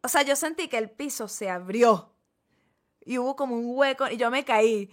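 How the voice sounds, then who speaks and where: A woman co-hosting a podcast, telling stories in an animated way and laughing often. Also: on the high side, moderate pace. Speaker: podcast co-host. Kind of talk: casual chat.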